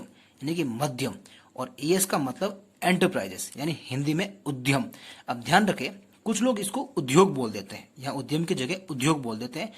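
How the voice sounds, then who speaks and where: Male tutor with a slightly husky voice, explaining patiently and quizzing the class. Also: fairly high pitch. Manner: explanatory, addresses students directly with rhetorical questions. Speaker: teacher. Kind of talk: exam-prep lecture.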